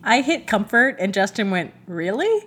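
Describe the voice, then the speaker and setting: A woman's voice: medium pitch, big pitch swings, moderate pace, a bit bright. A woman chatting casually as a panelist on a podcast. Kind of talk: casual chat.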